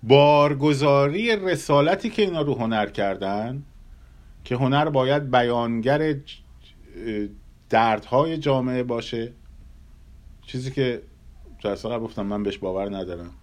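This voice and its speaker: A man giving a measured lecture on Persian classical music, pausing often and sometimes humming melodies to illustrate. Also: mid-range voice, lively intonation. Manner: hums and scats melodies to illustrate; measured, thoughtful delivery with pauses.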